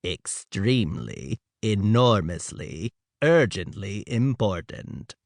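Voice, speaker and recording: Man voicing a deep, mechanical bug-eyed alien. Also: expressive, no echo, clean studio sound. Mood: urgent. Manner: slow, drawn-out emphasis. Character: bubble-headed bug-eyed male alien, stiff and solemn.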